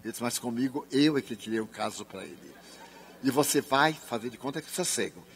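A man's voice: medium pitch, fairly quick. An older man from Brazil, giving a spiritist seminar talk and telling stories, acting out the voices of people in them. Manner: expressive storyteller, acts out voices. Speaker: spiritist speaker. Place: large sports and culture center hall. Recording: long reverb of a large hall.

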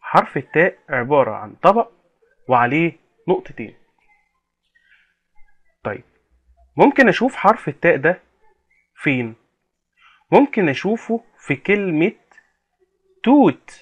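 A man's voice: on the high side, big pitch swings, a bit bright. A man leading a children's reading lesson in a playful, questioning way, drawing out key words. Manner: playful, questioning, drawn-out emphasis for kids. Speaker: teacher.

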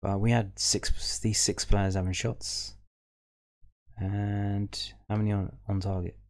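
Slow and level, a man with a lowish voice hosts a fan podcast. He muses casually over a football stats table on screen, thinking aloud as he reads the numbers.

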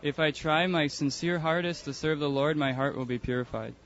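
A man on the street calmly and earnestly explaining his religious views in a debate. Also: on the high side, fairly quick, dull audio. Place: outdoors on a city street.

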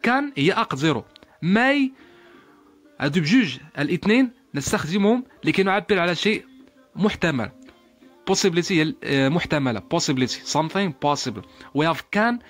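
Male English teacher with a higher-pitched voice; reads examples slowly, explains fast. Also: fairly bright tone. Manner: switches between slow, carefully spoken English examples and quick explanations. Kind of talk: language lesson.

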